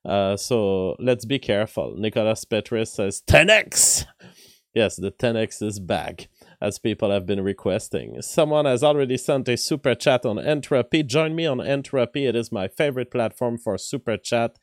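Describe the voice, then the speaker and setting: Weak-voiced man, low. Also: lively intonation, normal speed, a little mellow, no room sound, clean studio sound. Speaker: livestream host. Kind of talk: casual livestream commentary, reading viewer messages.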